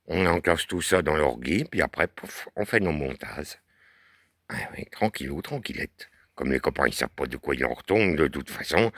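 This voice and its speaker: Male bass, playful drawling banter, lively pitch, dry close sound. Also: dry recording. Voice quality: deep bass voice. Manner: playful, teasing, drawling chatter. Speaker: puppet-show host. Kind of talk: improvised comic banter. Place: garden outdoors.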